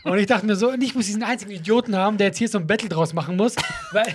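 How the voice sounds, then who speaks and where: A man's voice: sits high, very fast, slight background noise. A man chatting casually on a podcast, telling a story with laughs and acted-out quotes. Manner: animated storyteller, laughs often, acts out quotes. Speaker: podcast co-host. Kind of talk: casual chat.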